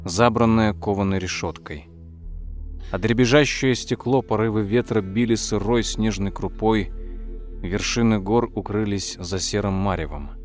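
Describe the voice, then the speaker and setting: A man narrating a dark fantasy audiobook in a measured, expressive way. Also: lowish voice, faint music behind. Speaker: audiobook reader.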